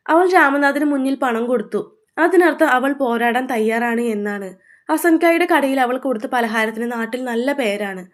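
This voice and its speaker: A woman's voice: high voice, close to an everyday voice. A woman reading as a firm, caring older man. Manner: firm, forceful.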